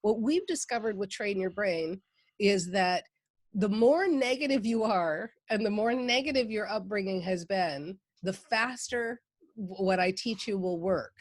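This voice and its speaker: A woman from Minnesota, with a Minnesota accent, is a mindset coach appearing as a podcast guest. Her medium-pitched voice moves a little slowly, and she talks enthusiastically and laughs often, with no room sound on the recording.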